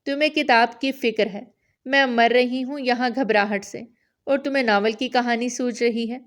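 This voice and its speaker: A woman's voice: a little high, steady tone, natural voice. Woman doing a sensible, impatient bookish girl, chiding tone, audiobook read. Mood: annoyed.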